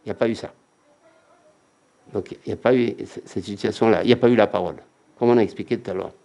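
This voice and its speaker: A man's voice: on the low side, steady tone, fast, dark tone. A man giving a religious lecture as a rabbi, emphatic and repetitive, often acting out quotes.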